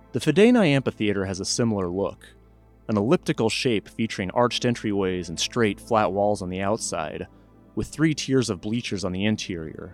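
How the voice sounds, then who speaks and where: A man narrating a scripted documentary story in a measured true crime narrator manner, speaking straight to the listener. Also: on the low side. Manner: measured, addresses listener directly in present tense. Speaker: podcast narrator.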